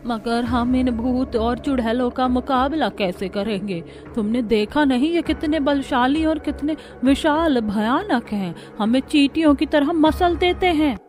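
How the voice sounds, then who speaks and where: A woman's voice: high-pitched, measured pace, few pauses, a little mellow, voice pushed up. A woman voicing a terrified village woman in a cartoon, panicked and pleading. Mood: desperate. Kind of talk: cartoon voice acting.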